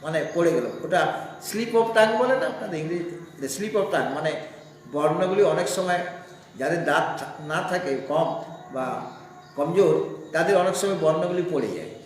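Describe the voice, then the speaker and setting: High-voiced man teaching scripture, very echoey. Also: a little hiss or hum. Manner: explains slowly, asks listeners rhetorical questions. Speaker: Vedanta teacher. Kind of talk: scripture class discourse. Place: spiritual society hall. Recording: heavy echo in a hall.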